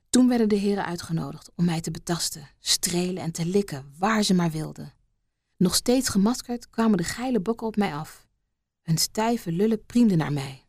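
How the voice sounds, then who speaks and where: A woman reading an erotic story aloud in a soft, hushed voice that slips into whispers. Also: fairly low pitch, slightly rough, no echo, studio quality. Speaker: narrator.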